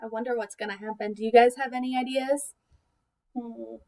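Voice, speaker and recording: Reading a picture book aloud to young children, a teacher with a high-pitched voice uses expressive, deliberate teacher talk and puts questions to her listeners. She's recorded from a distance.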